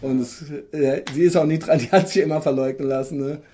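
A man's voice: fairly high pitch, steady tone, fast talker, dark tone, a little hiss or hum. A man casually telling a long rambling anecdote, acting out quoted lines as he goes. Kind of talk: casual chat.

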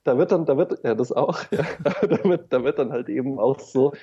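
A man's voice: medium pitch, moderate pace, warm tone, husky, muffled recording. A man chatting casually as a podcast co-host, agreeable and hedging, full of fillers. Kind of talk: casual chat.

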